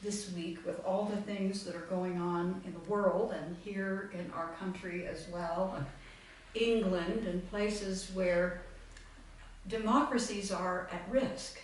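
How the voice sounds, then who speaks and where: A woman's voice: lowish voice, fairly even intonation, takes it slowly, a little hiss or hum. A woman leading a full moon meditation group, talking reflectively to a live audience and meandering with many fillers. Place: meeting room with audience. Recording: echoey room, far from mic.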